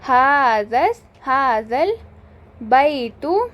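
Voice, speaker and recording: A woman teaching an Arabic grammar lesson who reads each example and translates it step by step, often asking whether it is clear. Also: high voice, sing-song, extremely slow, a bit bright. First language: Urdu. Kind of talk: grammar lesson in mixed Hindi-Urdu and English.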